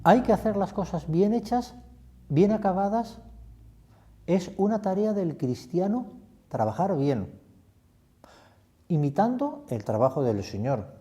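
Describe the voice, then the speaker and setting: A man's voice: high voice, big pitch swings, a little slow, pauses often, mellow. A man, a priest leading a retreat meditation, reflective and putting many questions to the listener.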